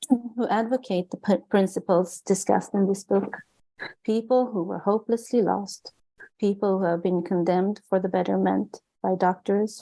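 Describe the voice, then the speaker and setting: A woman from Sweden with a Swedish accent, an author reading aloud from her own book in an earnest, measured way with small restarts. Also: mid-range voice, vocal fry, mellow, rough recording. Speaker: author and guest.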